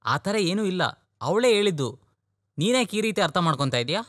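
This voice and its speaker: An actor dubbing a firm but caring elder brother who talks insistently in a dubbed film. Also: male voice, mid-range voice, lively intonation, brisk, no room sound, clean studio sound, natural voice.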